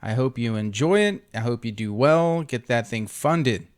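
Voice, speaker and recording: Clear-voiced man making a casual giveaway announcement. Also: mid-range voice, animated, normal speed. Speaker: host of an online trading group.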